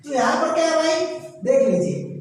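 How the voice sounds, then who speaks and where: Man, grammar teacher, rhetorical questions, booming room echo, distant from mic. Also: sing-song, moderate pace. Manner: asks students rhetorical questions and answers them himself; often checks with "right?". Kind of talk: classroom-style grammar lesson. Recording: very echoey room, voice from away from the mic.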